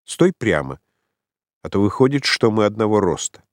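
A man reading the lines of a contented, tender woman in an audiobook, in a soft, lazy manner. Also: on the low side, sing-song, moderate pace, no room sound, studio quality.

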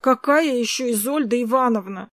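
A woman's voice: a little high, normal speed, no room sound, clean studio sound, close to an everyday voice. A woman voicing a young man, a boyfriend who is insistent and hurt. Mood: demanding.

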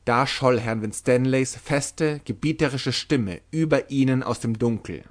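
A man narrating a literary novel aloud in a measured, dramatic storytelling manner. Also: medium pitch. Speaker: audiobook narrator.

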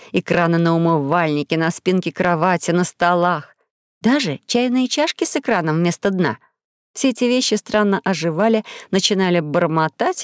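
A woman reading a children's audiobook as the narrator, telling the story clearly and evenly in a studio. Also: lowish voice, no echo. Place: recording studio.

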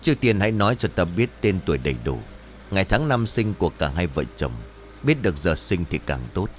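A man voicing an old male ritual master who speaks in a slow, measured, solemn way. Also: deep voice, very animated, faint music behind. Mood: grave.

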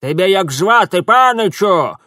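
A male narrator voicing a fierce, toothless old village woman who yells orders in a mix of Ukrainian and Russian. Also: wildly swooping pitch, slow, dry recording, studio quality, exaggerated voice. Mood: shrill commanding. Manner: shrill yelling in mixed Ukrainian-Russian speech.

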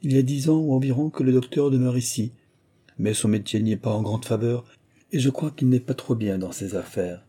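A man's voice: mid-range voice, fairly quick, dark tone, husky, close to an everyday voice. A man voicing a chatty, gossiping village innkeeper woman in an audiobook. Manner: gossipy, talkative.

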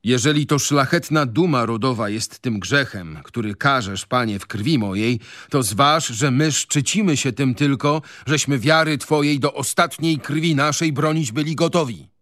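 A man's voice: on the low side, big pitch swings, measured pace, no room sound, studio quality. A man reading aloud, voicing a pompous, self-pitying older gentry father in a radio reading of a novel. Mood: indignant. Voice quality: pompous, declamatory.

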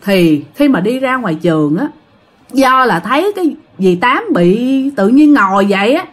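A woman's voice: a little high, very animated, moderate pace. A woman telling a ghost story in a chatty, casual way, often talking straight to her listeners. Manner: chatty, addresses the listeners directly.

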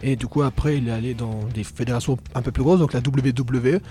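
A man's voice: mid-range voice, steady tone, quick pace, mellow. A man co-hosting a casual podcast chat, talking with many hesitations and fillers. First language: French. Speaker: podcast co-host.

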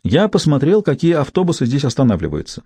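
A man's voice: medium pitch, huge pitch swings, quick pace, mellow, slightly rough, no echo. A man narrating a first-person audiobook in a dry, ironic storytelling manner.

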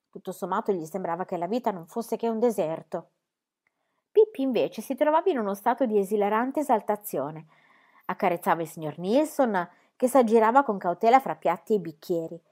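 Expressive woman reading a storybook. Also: medium pitch. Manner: expressive and animated. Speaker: reader.

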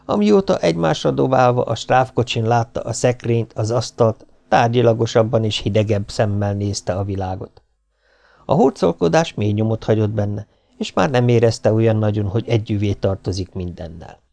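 A man reading a novel aloud as an audiobook narrator, in a steady, measured storytelling manner. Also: lowish voice, gravelly.

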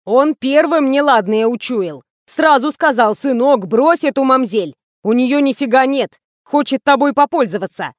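Scornful rich man, loud slow rant, voiced by a woman, dry close sound. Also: sits high, expressive, dry recording, voice pushed up. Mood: furious. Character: rich younger man, cold, contemptuous, scolding.

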